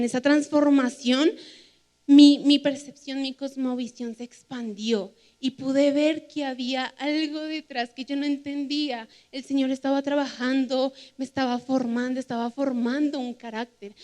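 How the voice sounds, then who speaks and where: Earnest high-voiced woman preaching. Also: a little mellow. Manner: earnest, emphatic, personal testimony. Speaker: youth preacher. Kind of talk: sermon. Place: church stage.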